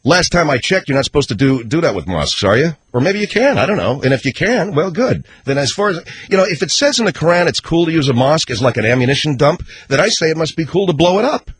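A man's voice: fairly high pitch, very animated, fast talker, hardly any pauses, slightly rough, dry recording. A man hosting a radio talk show with sardonic, satirical monologues.

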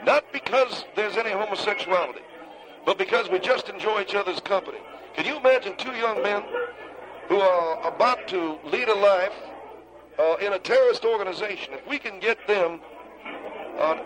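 Man playing high-pitched Appalachian senator, earnest and defensive. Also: lightly acted, low-quality recording. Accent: West Virginia Appalachian. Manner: halting, stammering, earnest. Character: earnest, defensive West Virginia state senator, oblivious. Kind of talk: satirical radio call-in character comedy.

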